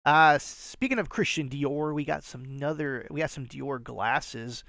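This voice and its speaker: A man with a slightly nasal, gravelly voice chats loosely through a show-and-tell of finds, full of fillers and asides. The sound is close and dry. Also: fairly high pitch, measured pace, fairly bright tone, no echo. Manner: rambling, filler-heavy, self-deprecating. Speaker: resale channel host. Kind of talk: casual show-and-tell vlog.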